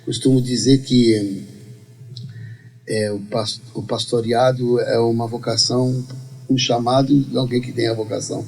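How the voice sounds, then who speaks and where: A middle-aged man from Chile, a pastor, chatting casually on a podcast in a relaxed, joking way. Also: mid-range voice, unhurried, vocal fry, poor audio.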